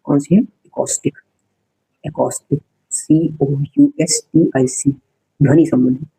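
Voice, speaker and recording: A man's voice: on the high side, sing-song, measured pace, gravelly, warm tone, slightly rough, low-quality recording. A man teaching an exam-prep spelling lesson, repeating each word, spelling it out letter by letter and explaining its meaning to viewers.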